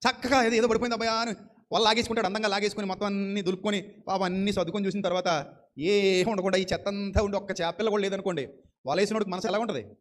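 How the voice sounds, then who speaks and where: A man's voice: high voice, steady tone, rapid-fire. A man preaching a sermon with fervent repetition and rhetorical questions.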